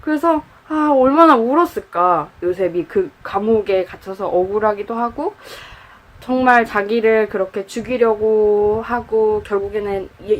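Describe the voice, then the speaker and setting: A woman preaching to a youth group, telling the story lively and conversationally. She swings her pitch widely and jumps into quoted lines of the characters. She speaks at an ordinary middle pitch in a church setting. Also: rough recording. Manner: animated, acts out quoted lines. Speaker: youth pastor. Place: church, indoors.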